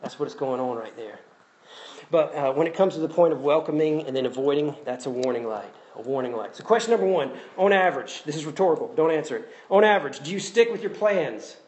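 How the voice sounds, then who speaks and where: A man's voice: fairly high pitch, expressive, brisk, darkish tone. A man with a Southern US accent preaching a sermon as pastor, conversational and self-deprecating, repeating his key phrases. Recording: echoey room with faint ambience.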